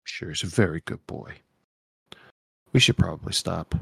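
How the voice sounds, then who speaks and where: A man's voice: low-pitched, moderate pace, gravelly, bright, forceful tone, breathy edge, no room sound, studio quality. A man co-hosting a podcast in laid-back, teasing, profane chat. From New Jersey. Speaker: podcast co-host. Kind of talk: casual chat.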